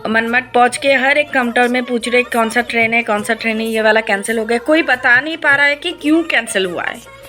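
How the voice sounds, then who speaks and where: A woman vlogger telling her viewers a personal story, slowly and hesitantly, with many pauses, filler sounds and English words mixed in. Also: fairly high pitch, sharp tone, faint music behind. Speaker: devotional vlogger.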